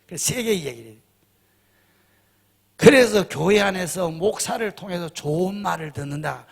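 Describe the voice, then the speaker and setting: Gravelly high-voiced preaching man. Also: lively intonation, moderate pace. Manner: emphatic preaching with rhetorical questions to the congregation. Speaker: pastor. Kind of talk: sermon.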